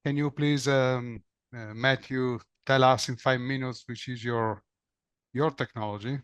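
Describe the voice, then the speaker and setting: Halting male webinar moderator, dry sound. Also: medium pitch, fairly even intonation, a bit bright, clear, resonant tone, no room sound. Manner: halting, repeats words, restarts. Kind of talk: moderating a video call. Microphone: video call.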